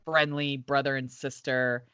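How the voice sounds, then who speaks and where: A woman's voice: extremely low pitch, flat delivery, measured pace, bright, forceful tone, clear, resonant tone, no echo. A woman co-hosting a podcast in casual chat, talking with enthusiasm and plenty of filler words. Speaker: podcast co-host. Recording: dry, slightly dull sound.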